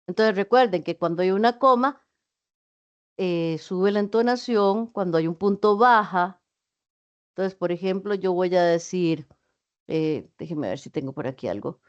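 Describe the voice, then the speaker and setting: Woman teaching on a dull call. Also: medium pitch. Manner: patient, explains with spoken examples. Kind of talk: online class lecture.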